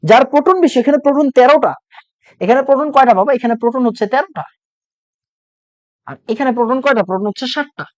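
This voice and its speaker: A man's voice: very high-pitched, fast, long pauses, a little mellow, highs cut off. A young man teaching a chemistry class online, with a sore throat, repeating each point and quizzing his students. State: sore throat from talking loudly.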